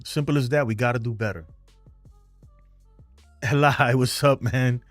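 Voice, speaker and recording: A man hosting a fan live stream rambles through viewer comments in a New York accent, talkative, loose and open. His voice sits at medium pitch and he takes his time. The recording is dry, with faint music in the background.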